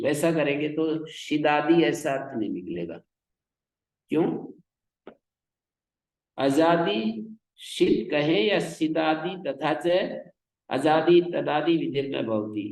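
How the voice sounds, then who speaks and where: A man's voice: fairly high pitch, gravelly, a little mellow, reverberant, rough recording. A man teaching Sanskrit grammar, reciting rules and then explaining them in a classroom lecture.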